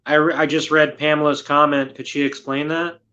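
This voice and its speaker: A man chatting as a guest on a live stream, making dry, deadpan jokes. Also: fairly high pitch, normal speed, muffled recording. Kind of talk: casual live stream chat.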